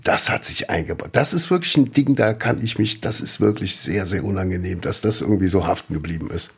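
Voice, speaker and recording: Gravelly and slightly rough, his low-pitched voice is expressive and a little fast. He's a man in his fifties co-hosting a podcast, swapping casual talk and meandering stories that he keeps self-correcting.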